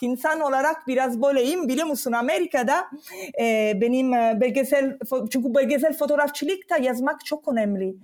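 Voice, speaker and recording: High-pitched foreign woman, halting broken Turkish. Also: darkish tone. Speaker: interview guest. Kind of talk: casual conversational interview.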